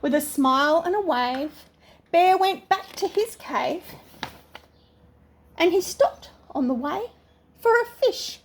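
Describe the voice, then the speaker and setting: High-voiced sweet old lady reading a storybook. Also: slow, pauses often, slight background noise. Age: older. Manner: animated, expressive reading. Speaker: grandmother reading to grandchildren. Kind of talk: storybook read-aloud with chatty asides.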